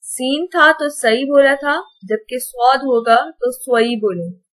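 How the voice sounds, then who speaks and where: A woman teaching a Quran reading lesson, gently chanting syllables one by one with patient explanations. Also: high voice, unhurried, poor audio. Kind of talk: slow syllable-by-syllable recitation lesson.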